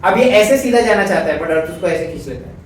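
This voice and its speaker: A man's voice: high-pitched, lively intonation, quick pace, a little hiss or hum. Joking male teacher in echoey classroom. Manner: chatty, joking, mixes Hindi and English. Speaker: physics teacher. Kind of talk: classroom lecture. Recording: echoey classroom, mic far off.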